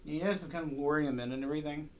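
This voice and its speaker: A woman's voice: deep voice, racing, darkish tone, a little hiss or hum. A woman dog trainer talking casually through a training session, explaining each step as she goes. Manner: chatty, explains her steps aloud while training.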